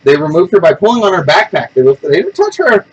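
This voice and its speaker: Over a muffled recording, a fast-talking man with a high, slightly rough voice hosts a laid-back podcast. He tells his stories with energy, voices the people he quotes, and doesn't hold back his blunt opinions.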